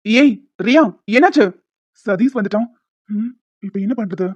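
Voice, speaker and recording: A woman's voice: a little high, normal speed, a little mellow, no room sound, lightly acted. A woman voicing a protective young man who questions firmly and reassures in a cartoon. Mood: demanding. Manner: firm, questioning. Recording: dull lo-fi with music behind.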